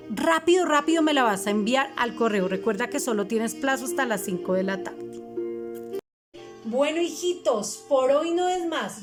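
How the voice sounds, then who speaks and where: Give me a woman recording a lesson for fifth graders, her voice pitched a little high and her instructions patient and careful. Faint music plays behind her. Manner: patient, reminding, spells things out for children. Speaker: fifth-grade Spanish teacher.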